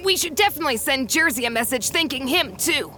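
High-voiced plucky cartoon hero. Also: female voice, lively intonation, quick pace. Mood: matter-of-fact. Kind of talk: animated adventure cartoon acting.

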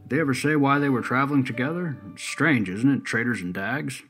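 A man voicing a calm, easygoing male deputy who talks casually and swears lightly. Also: mid-range voice, fairly quick, faint music behind, voice pushed up, close to an everyday voice.

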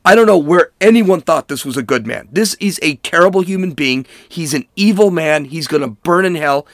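A man's voice: fairly high pitch, expressive, normal speed, no echo, studio quality. A man giving angry, emphatic political commentary, hammering points through repetition. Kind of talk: ranting commentary.

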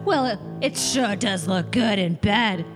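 A woman's voice: medium pitch, lively intonation, measured pace, over music. A woman performing a melodramatic improv comedy scene, mock outraged and theatrical.

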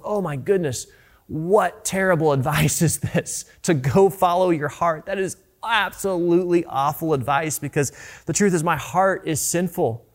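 A male pastor delivering a sermon in an earnest, conversational way. His voice sits a little higher than most men's, and he often circles back and restarts his phrases as he builds a point.

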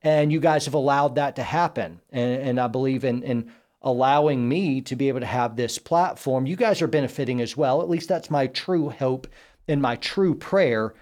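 A man's voice: medium pitch, moderate pace, a little mellow. A man in his forties hosting a casual podcast chat, talking in a blunt, folksy and emphatic way. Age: 40s. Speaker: podcast host.

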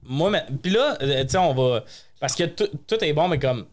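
A man with a Quebec French accent trading jokes on a podcast in a slightly high voice. He talks in lively, self-mocking bursts through casual chat. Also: moderate pace. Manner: joking, animated, self-mocking. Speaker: podcast co-host.

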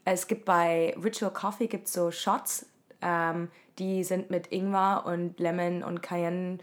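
A woman's voice: fairly low pitch, little pitch movement, takes it slowly. A woman with a mild head cold co-hosts a podcast, talking informally and mixing in English terms. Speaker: podcast co-host. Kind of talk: casual conversational podcast chat.

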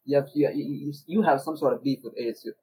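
A man's voice: mid-range voice, fast talker, warm tone, slightly rough, low-quality recording. Laid-back young man teasing a friend. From Arizona, US. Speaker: podcast co-host. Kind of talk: casual chat.

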